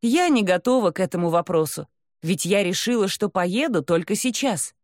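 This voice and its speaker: An audiobook narrator reads a first-person novel at a moderate pace in a mid-range voice with lively intonation. She performs expressively and dramatically, acting out the dialogue. The recording is dry and of studio quality.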